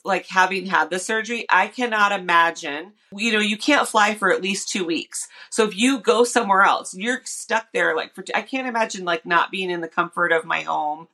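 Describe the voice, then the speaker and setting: A woman's voice: mid-range voice, normal speed, few pauses, sharp tone. A woman guest coach chatting casually on a podcast, with frequent "like" and "you know" fillers.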